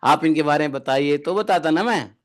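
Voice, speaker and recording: A man's voice: fairly high pitch, moderate pace. Man giving a bantering spiritual talk. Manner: bantering, asks listeners rhetorical questions. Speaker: spiritual teacher. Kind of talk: Hindi devotional discourse.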